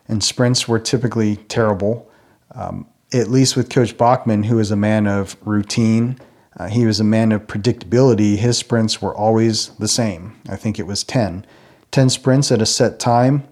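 A man in his thirties giving an earnest, reflective personal talk to a church audience, unhurried and full of small fillers and restarts. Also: fairly low pitch, a little mellow. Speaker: church ministry speaker.

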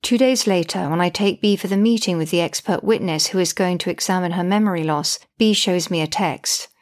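A woman narrating her own diary-style account as a mother, indignant, wry and exasperated. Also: on the low side.

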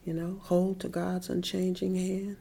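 Middle-aged woman, low gravelly voice, heartfelt testimony, soft and whispery at times. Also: monotone, unhurried. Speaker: interviewee. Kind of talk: personal faith testimony.

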